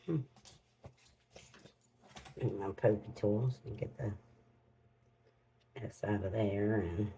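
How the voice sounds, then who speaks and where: A woman's voice: rumbling low, dark tone, slight background noise, poor audio. A woman hosts a casual crafting vlog, muttering to herself as she works in homespun phrasing. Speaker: crafting channel host. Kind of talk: casual unboxing and demo vlog.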